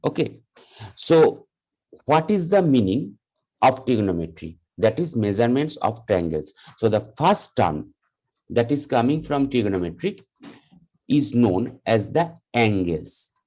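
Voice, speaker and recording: A man teaching a live class, explaining slowly and deliberately, often repeating himself. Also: medium pitch, sing-song, darkish tone, poor audio. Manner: slow, deliberate explaining with repetition. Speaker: lecturer.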